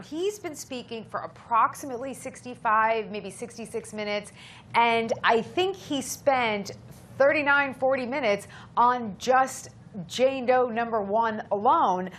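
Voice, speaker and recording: A woman with a somewhat high voice hosts a live legal discussion. She is emphatic and ready to challenge, stressing her points as she argues. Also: fairly bright tone. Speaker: legal news host.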